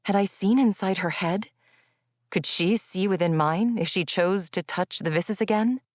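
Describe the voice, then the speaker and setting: A woman reading a young adult fantasy audiobook in first person, measured and reflective. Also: medium pitch, no room sound, clean studio sound. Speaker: audiobook narrator.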